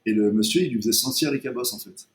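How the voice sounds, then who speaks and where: A man's voice: mid-range voice, fast. A man, co-founder of a chocolate brand, talking casually as a guest in an interview, hesitant and full of restarts. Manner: hesitant, many restarts and fillers.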